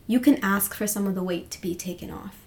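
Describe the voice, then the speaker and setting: A woman's voice: mid-range voice, fairly quick. Heartfelt, encouraging woman podcast co-host. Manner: heartfelt, encouraging, repeats phrases for emphasis. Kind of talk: casual faith discussion podcast.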